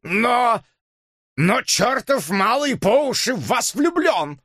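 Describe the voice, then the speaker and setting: A man reading an audiobook, voicing a stiff, easily offended older gentleman with a pompous manner. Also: fairly high pitch, sing-song, normal speed, dry recording, studio quality, pitched above the performer's own voice. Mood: indignant. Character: stiff, indignant older gentleman, bony and proper.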